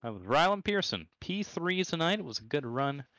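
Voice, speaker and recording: A man's voice: on the high side, moderate pace, rough recording. A man commentating and interviewing a driver in a chatty, stumbling casual way. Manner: lively, chatty, stumbles and repeats words.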